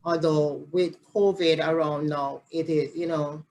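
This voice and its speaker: Speaking with a Jamaican accent, a woman who works as a family support specialist responds to interview questions in a sincere, halting manner, frequently restating her points. Her voice is low-pitched and darkish, with a steady tone.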